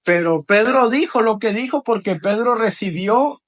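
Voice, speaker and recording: Speaking at a normal pace in a high, animated voice, this man delivers a teaching sermon to a congregation. He guides them through call-and-response, tagging lines with "¿verdad?".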